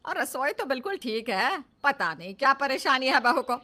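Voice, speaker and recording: A woman's voice: high voice, sing-song, moderate pace, full character voice. A woman voicing a stubborn, scolding old mother-in-law in a cartoon story. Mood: dismissive. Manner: scolding, sharp retorts. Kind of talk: cartoon dub.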